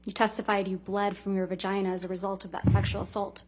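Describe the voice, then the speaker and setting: A woman's voice: mid-range voice, level tone, quick pace, a little mellow. Pointed woman lawyer in cross examination. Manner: pointed, clipped leading questions ending in tag questions. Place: courtroom.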